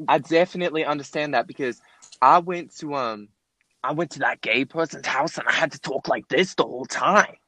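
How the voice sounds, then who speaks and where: A man's voice: fairly high pitch, brisk, bright, forceful tone, no room sound. A man voicing a brash, campy Southern twin who calls everyone baby, with a put-on Southern accent and a teasing manner. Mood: smug. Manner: teasing, over-the-top camp delivery. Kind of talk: improvised comedy skit.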